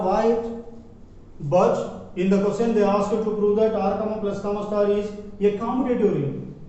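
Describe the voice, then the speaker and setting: A high-voiced man with a Telugu South Indian accent dictates a maths proof, repeating phrases as he goes. His tone is mellow. The recording is very echoey and muffled, with a faint layer of noise. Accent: Indian, Telugu-speaking south. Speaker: mathematics teacher. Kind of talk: classroom lecture, step-by-step proof. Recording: muffled, very echoey, distant, noisy room.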